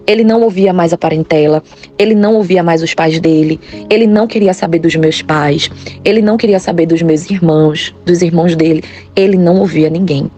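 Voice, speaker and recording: A woman's voice: fairly low pitch, brisk, mellow. A woman narrating a first-person testimony in an earnest, grave, confessional manner.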